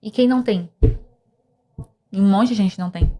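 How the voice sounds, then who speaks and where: A woman's voice: medium pitch, normal speed, mellow, slight background noise. A young woman, earnestly telling a personal story of faith and depression as a podcast guest, with many restarts. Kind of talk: emotional personal testimony.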